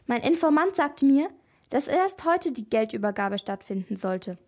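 Woman reading a stern older policeman, formal, firm, high voice, children's story. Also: big pitch swings, moderate pace, slightly rough, full character voice. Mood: explaining.

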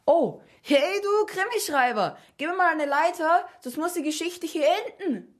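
A woman's voice: sits low, expressive, brisk, darkish tone, slightly rough. A woman voicing a shrewd slave of about thirty. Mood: cheeky.

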